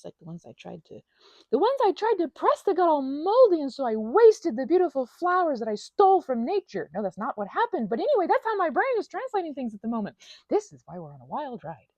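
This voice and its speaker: Her voice sits high and sing-song, quick, with a dark tone, no echo and dull audio. The woman, an audio channel creator, finger paints while improvising a playful, self-deprecating ramble full of tangents and asides, occasionally trailing down to a near whisper.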